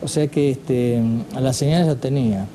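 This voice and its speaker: Dark-voiced expert guest analyzing a case. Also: male voice, medium pitch, normal speed, a little hiss or hum, rough recording. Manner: hesitant, with fillers like este and digamos. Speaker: psychiatrist guest. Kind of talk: expert commentary on a talk show.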